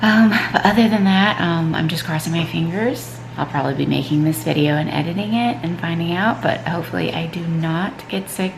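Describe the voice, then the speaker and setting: A lowish female voice comes through briskly with few pauses as this mom and triathlete chats in a morning home vlog. Her nose is stuffy, and she rambles, peppering her speech with "um" and "like." There's a roomy sound, slight background noise and clear background music.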